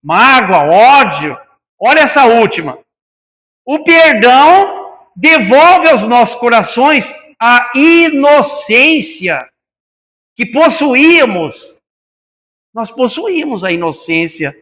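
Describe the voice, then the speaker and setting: A sing-song, very high voice, pushed and bright, carries this slow spiritist talk by a man with a Brazilian Portuguese accent. He asks the audience many rhetorical questions and calls them brothers, all under the long reverb of a meeting hall.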